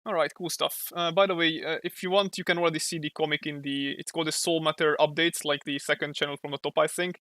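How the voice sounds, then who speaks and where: A man's voice: a little high, steady tone, quick pace, hardly any pauses, pushed and bright, no room sound. A young man from Hungary with a Hungarian accent, chatting casually on a livestream while he draws, thinking aloud and sometimes searching for English words. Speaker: streamer and comic artist.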